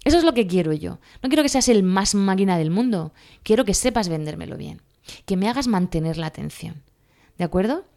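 A chatty woman with a Spanish accent from Spain, talking through exam tips in a relaxed spoken lesson. She speaks at a moderate pitch and keeps checking in with her listeners. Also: fairly quick. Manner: chatty, laughs at herself, asks "¿vale?" often. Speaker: teacher giving exam advice.

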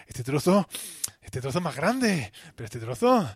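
A woman's voice: sits low, very animated, moderate pace, slightly rough, dry recording, full character voice. A man voicing a gloating young woman who teases and bosses around over a cheesecake, in a raised, bossy voice, recorded very dry.

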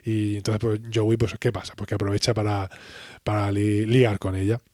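A man's voice: lowish voice, no echo, studio quality. A man, retelling a sitcom episode in casual chat and acting out the characters' lines. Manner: animated storyteller, acts out characters' lines in quick voices. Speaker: podcast host recapping a sitcom episode.

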